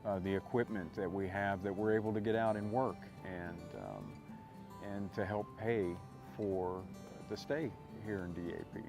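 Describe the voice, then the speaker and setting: A man who graduated from a recovery program, speaking haltingly in a testimonial. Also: fairly low pitch, animated, gravelly. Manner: halting, with fillers. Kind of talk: promotional testimonial. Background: music.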